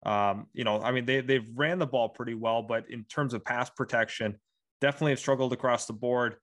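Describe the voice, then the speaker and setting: A man's voice: mid-range voice, steady tone, brisk, fairly bright tone. A young man co-hosting a sports show, giving casual game analysis with many fillers like "you know". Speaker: sports podcast co-host.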